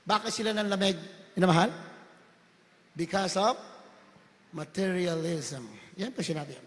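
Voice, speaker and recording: Fervent high-voiced preacher shouting in a hall. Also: male voice, a little slow. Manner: fervent, often shouting, mixing Tagalog with English. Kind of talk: sermon. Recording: long hall reverb.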